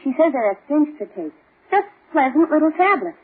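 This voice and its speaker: A gushing, chatty young woman in an old radio commercial, with a high and bright voice. The sound is thin and tinny, like an old broadcast. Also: big pitch swings, a little fast.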